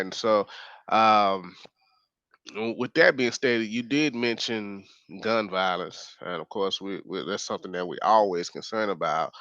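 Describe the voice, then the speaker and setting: Halting low-voiced man interviewing. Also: fairly bright tone, clean tone, dry recording. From Dallas, Texas. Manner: careful, halting questions full of "uh". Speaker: street reporter and interviewer. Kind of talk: community interview. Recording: dull, slightly lo-fi audio.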